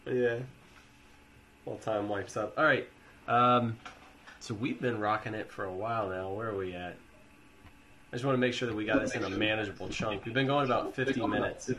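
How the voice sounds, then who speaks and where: A man hosting a casual group chat on a stream, relaxed and joking. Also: on the low side, moderate pace, pauses often, a crowd in the background. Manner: relaxed, joking, laughs often. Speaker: show host.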